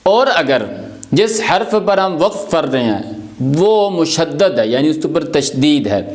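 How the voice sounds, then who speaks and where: A man teaching Quran recitation rules, explaining patiently and repeating each example slowly. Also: fairly high pitch, animated. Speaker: tajweed teacher.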